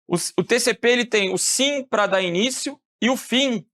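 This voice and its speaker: A man from Rio de teaching a lively classroom lecture, asking the students questions and answering them himself. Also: very high voice, moderate pace. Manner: animated, asks questions and answers them, acts out phone calls.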